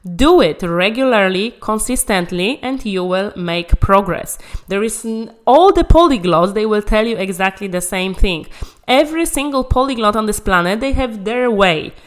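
A woman with an expressive, medium-pitched voice speaks at normal speed. She is an English conversation coach whose first language is Polish, and her motivational talk on language learning is emphatic and encouraging, full of repeated key phrases.

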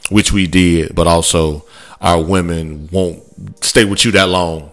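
Deep-voiced man hosting a sports talk show. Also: fairly even intonation, unhurried. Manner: loose and conversational, with many fillers and restarts. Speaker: podcast host.

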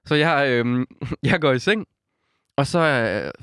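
A young man co-hosting a podcast, telling a story in a casual, animated way and laughing often. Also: medium pitch, clear, resonant tone, no room sound, studio quality. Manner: animated storyteller, acts out quotes, laughs a lot. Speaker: podcast co-host.

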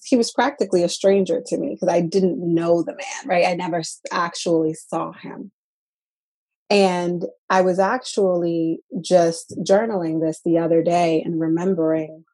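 A woman's voice: on the low side, mellow, breathy edge. A woman from the Dominican Republic sharing her story as a guest in an interview, earnest and reflective, often repeating and restarting her words. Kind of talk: personal interview.

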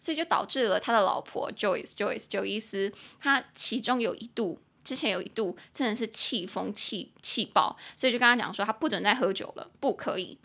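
A woman's voice: mid-range voice, fairly quick, vocal fry, hardly any pauses, pushed and bright, breathy edge. A woman with a Taiwanese Mandarin accent, hosting a casual podcast lesson in which she chats and spells English words out letter by letter. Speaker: podcast host and English teacher.

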